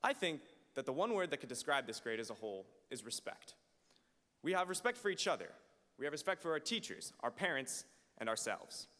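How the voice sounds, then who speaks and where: A man in his late teens giving an emphatic, deliberate graduation speech as valedictorian at a podium microphone in a large auditorium. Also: mid-range voice, sing-song, sharp tone. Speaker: high school valedictorian. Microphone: podium microphone on a stand. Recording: reverberant hall through PA microphone.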